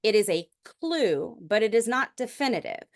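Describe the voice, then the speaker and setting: A woman's voice: fairly high pitch, lively intonation, moderate pace. A middle-aged woman physician giving a lecture in a conversational, explanatory way, with frequent restarts. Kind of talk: recorded medical lecture.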